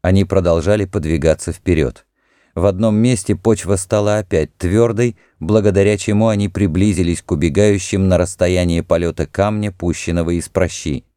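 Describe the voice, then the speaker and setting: Male audiobook narrator, very low, dark tone, dry close sound. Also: moderate pace, no echo.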